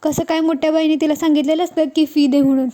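A woman narrating a recap of a TV serial in a plain, steady storytelling manner. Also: sits high, quick pace.

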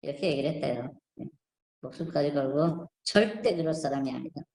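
A woman's voice: low-pitched, fairly quick, creaky, darkish tone. A woman hosting an online channel, talking through images on screen in a rambling, skeptical way, with many fillers and restarts. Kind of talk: casual spoken commentary. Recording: echoey room.

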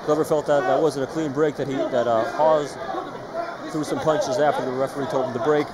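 A man's voice: medium pitch, fairly even intonation, fairly quick. A man giving live play-by-play commentary on a fight. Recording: loud crowd noise behind commentary. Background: loud arena crowd.

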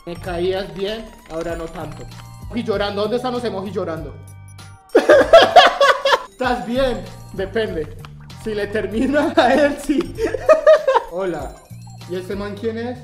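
A young man hosting a comedic reaction vlog, talking in an animated way, laughing often and shouting in surprise. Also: sits high, slow, long pauses. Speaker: YouTuber. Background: background music.

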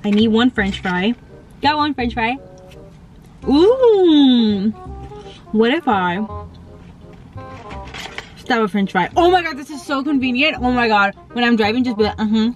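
A woman's voice: fairly high pitch, sing-song, measured pace, pauses often, faint music behind. Chatty young woman vlogging on the go. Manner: chatty, giggly, lots of "like". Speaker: beauty vlogger. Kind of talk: casual vlog chat. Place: in a car and out on errands.

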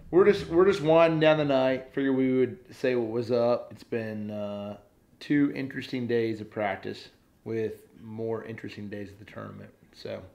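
A man, chatting casually and joking with friends in a living room at night. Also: on the low side. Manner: laid-back, joking, excitable. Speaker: vlog host, pro angler. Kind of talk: casual chat.

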